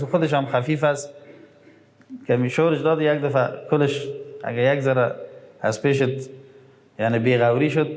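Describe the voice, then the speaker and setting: A middle-aged man with an Afghan Dari accent leads a Quran recitation lesson in a mid-pitched voice. He poses quick questions to his listeners and answers them himself. He lingers over each recited word, stretching it out slowly.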